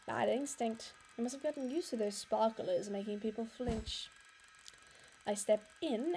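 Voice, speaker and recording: A woman playing a story game, reading its lines aloud and reacting with animated, excitable commentary. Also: on the high side, slight background noise. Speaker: let's play gamer. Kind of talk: casual gameplay commentary, reading dialogue aloud. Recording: faint game music behind.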